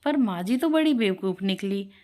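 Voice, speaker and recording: Woman voicing a young bride, gentle, sweet, storybook. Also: medium pitch, expressive, normal speed, natural voice. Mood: exasperated.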